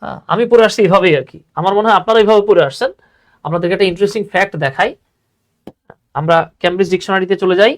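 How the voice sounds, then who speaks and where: In an online English grammar class, a young man teaches in a very fast, high voice. He's chatty and full of little affirmations, repeating "হ্যাঁ" and mixing English terms into his Bengali.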